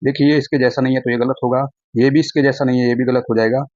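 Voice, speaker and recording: A man teaching an online exam-prep lesson, brisk and repetitive, often addressing students as friends. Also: mid-range voice, level tone, a little mellow, no room sound, highs cut off.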